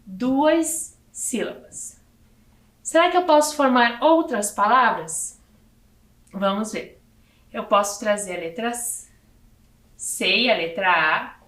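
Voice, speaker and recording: A woman from Brazil teaching young children in a video lesson, slowly counting letters and syllables aloud. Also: medium pitch, expressive, a bit bright, echoey room.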